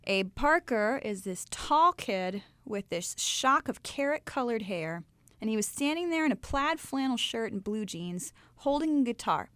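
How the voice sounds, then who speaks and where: A young woman from Ohio telling her faith story to a live audience in a lively, chatty way. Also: on the high side, a little slow, no echo. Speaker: speaker telling her testimony.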